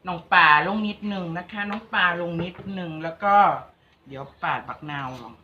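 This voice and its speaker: A woman's voice: on the low side, lively intonation, moderate pace, background noise. A woman with an Isan accent hosting a cooking vlog, chatting and teasing while talking straight to her viewers. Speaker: vlog host. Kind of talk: casual cooking vlog chat. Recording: dull lo-fi recording.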